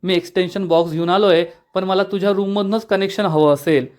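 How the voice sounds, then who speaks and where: A man's voice: high-pitched, steady tone, a little fast, darkish tone, lightly acted. A man voicing a playful lovestruck young husband in a spoken serial recap, with a cheeky manner.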